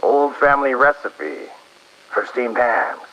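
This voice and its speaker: An actor playing a pompous, sardonic, slightly tipsy school superintendent in a 1930s-style radio play, wordy and dryly suspicious. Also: male voice, mid-range voice, sing-song, slow, lo-fi sound. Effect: old-time radio filter.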